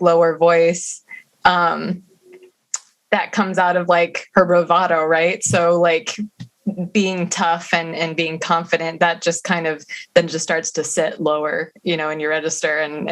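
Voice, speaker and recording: A woman voice actor, chatting in a casual interview in an animated, easy way. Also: lowish voice, low-quality recording. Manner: animated, chatty, laughs easily. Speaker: voice actor guest.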